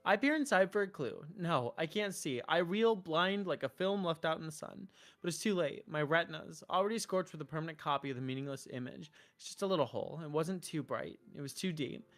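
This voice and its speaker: Here the androgynous streamer talks a little fast in a medium-pitched, fairly bright voice. Between reading visual novel lines out loud, they toss off profane wisecracks and easygoing banter over the game's music.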